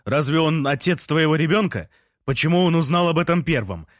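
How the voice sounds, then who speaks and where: Jean, an excitable shouting man, voiced by the narrator. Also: a little high, a little fast, no echo, clean studio sound, pitched above the performer's own voice, lightly acted. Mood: boisterous. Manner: shouting, bewildered questions. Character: excitable loud man, slow on the uptake.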